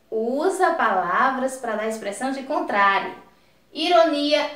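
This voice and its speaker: High-voiced teacher in an echoey room. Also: female voice, fairly bright tone. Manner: explains slowly, stretching key words, checks in with "tá?" and "né?". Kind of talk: recorded lesson.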